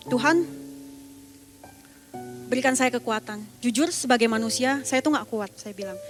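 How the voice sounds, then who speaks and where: A woman in her thirties from Indonesia, an evangelist telling a personal testimony in a sermon with pauses and restarts. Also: high voice, a bit bright. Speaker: evangelist preacher.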